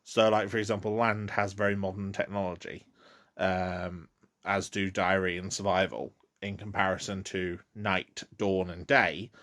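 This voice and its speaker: A man with a lowish voice talks through films on his own podcast. He rambles loosely, full of ums and false starts, in an easy, unscripted way. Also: level tone, a little slow, a bit bright. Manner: rambling, many ums and restarts. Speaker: podcast host. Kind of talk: casual solo film commentary.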